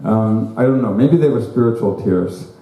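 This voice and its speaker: A man gives a relaxed spiritual talk in an ashram hall, telling anecdotes with a joking, conversational touch. His voice is very dark and mellow. The hall is roomy and echoey around him. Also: on the low side, normal speed. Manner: conversational, joking, tells anecdotes with acted quotes.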